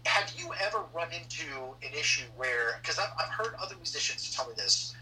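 A man hosts a casual interview, feeling his way through long questions with frequent restarts. His voice is very bright, picked up from a bit away from the mic with faint noise underneath. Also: a little high, animated, fairly quick, far from the mic, rough recording. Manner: rambling, searching questions with many restarts. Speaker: podcast host.

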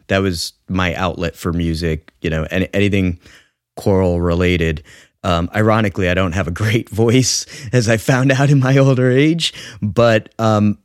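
A man in his fifties from New York, a bassist telling his story in a rambling, casual podcast chat full of fillers. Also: dry recording, studio quality. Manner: rambling, many fillers and restarts. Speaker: bassist co-host.

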